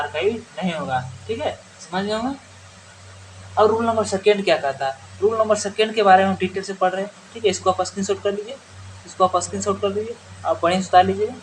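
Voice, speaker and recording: High-voiced man teaching grammar. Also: a little hiss or hum, low-quality recording. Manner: repeats questions and answers them himself; many restarts and fillers. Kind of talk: Hindi grammar lesson.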